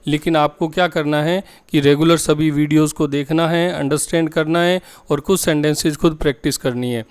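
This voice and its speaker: Clear-voiced teacher. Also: male voice, a little high, steady tone. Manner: reads each English example slowly twice; explains in Hindi, addresses students directly. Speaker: English teacher. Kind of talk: Hindi-medium English lesson.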